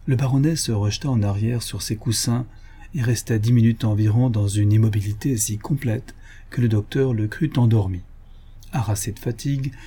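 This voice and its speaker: A man reading a classic novel aloud as an audiobook narrator, with measured, steady storytelling. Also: lowish voice, slightly rough. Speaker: audiobook reader.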